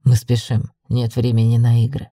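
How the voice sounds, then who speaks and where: A woman voicing a young male half-dragon who is possessive and softly menacing, in an audiobook. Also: monotone, moderate pace, no echo, studio quality. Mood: urgent. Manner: low, coaxing and insistent. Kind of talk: audiobook narration.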